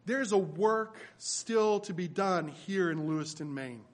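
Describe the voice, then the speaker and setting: A man with a high, light voice preaches to his church. He surges into loud, emphatic declarations and then falls back to quiet, low pleading. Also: animated, a little slow. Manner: builds to loud emphatic peaks, then drops soft and low. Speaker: pastor. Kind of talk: sermon.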